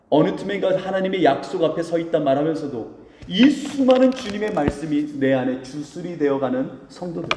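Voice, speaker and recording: A man's voice: medium pitch, warm tone. A male pastor preaching a sermon emphatically, acting out short lines of dialogue from the scripture stories. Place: church sanctuary. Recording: roomy church hall with long reverb.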